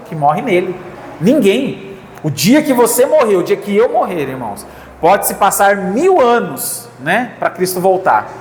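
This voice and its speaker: A man's voice: on the high side, a little hiss or hum. A man with a Brazilian accent preaching a sermon in an earnest way, often repeating key phrases and calling out to the congregation. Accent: Brazilian Portuguese. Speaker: pastor. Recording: echoey hall with faint ambience.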